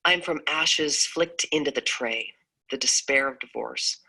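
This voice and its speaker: A woman's voice: extremely low pitch, unhurried, creaky, husky, rough recording. A woman radio host chatting playfully with her co-host and reading poem lines aloud. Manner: playful, animated.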